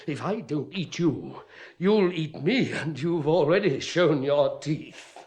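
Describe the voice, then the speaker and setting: An actor playing an anguished middle-aged cavalry captain, tormented and suspicious, in a 1950s radio drama with impassioned, bitter delivery. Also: male voice, a little high, animated, takes it slowly, a little mellow, husky, heavily acted. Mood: menacing.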